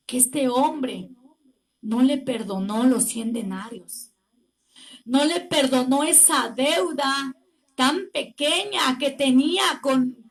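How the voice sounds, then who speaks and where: A woman preacher with a Mexican Spanish accent delivering a fervent sermon, often breaking in with words of praise. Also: high-pitched. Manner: slow, deliberate delivery with emphatic pauses.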